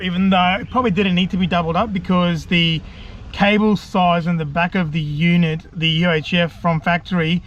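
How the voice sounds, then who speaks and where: High-pitched and chatty, this DIY car vlogger talks casually to his audience while doing the install himself, poking fun at himself along the way. The recording loses its highs and carries slight background noise.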